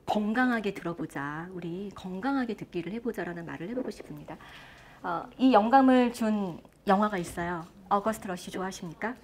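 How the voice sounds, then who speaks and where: A woman lecturer and author giving a motivational talk on a stage before a live audience, lively and often asking the crowd questions. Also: mid-range voice, a little fast.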